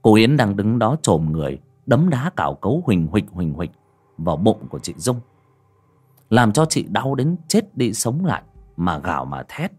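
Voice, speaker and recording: A man's voice: on the low side, sing-song, moderate pace, a little mellow, slightly rough. A man narrating a horror audiobook in a dramatic storytelling manner. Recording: narration over faint music.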